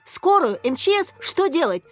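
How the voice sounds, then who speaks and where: A woman voicing an excitable, outspoken teenage girl in an audiobook, speaking loudly and emphatically. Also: on the high side, moderate pace, dry recording, faint music behind, natural voice.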